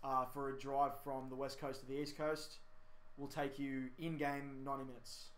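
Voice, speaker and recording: A young man co-hosts a casual gaming podcast at an ordinary, middle pitch. He rambles along, filling gaps with ums and correcting himself as he goes. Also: level tone, moderate pace, fairly bright tone. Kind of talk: casual chat.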